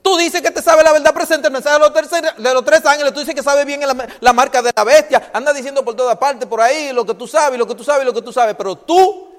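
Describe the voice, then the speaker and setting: High-voiced man preaching in a reverberant hall. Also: fairly quick, few pauses. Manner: emphatic, rhetorical questions, swings from loud to hushed. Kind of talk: sermon. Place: church hall. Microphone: handheld microphone.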